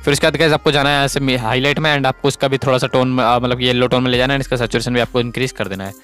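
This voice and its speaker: A man's voice: medium pitch, fairly even intonation, racing, fairly bright tone, clean tone, faint music behind. A man hosting a photo editing tutorial, giving step-by-step instructions, often saying "guys" and "okay". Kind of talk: screen-recorded editing tutorial.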